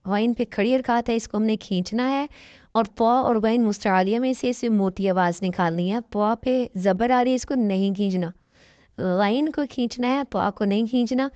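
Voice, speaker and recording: A woman with an Urdu accent teaching tajweed online, spelling out letters slowly and then patiently explaining the reading rules. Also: a little high, warm tone, no room sound, muffled recording. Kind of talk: online tajweed lesson, slow spelled-out recitation.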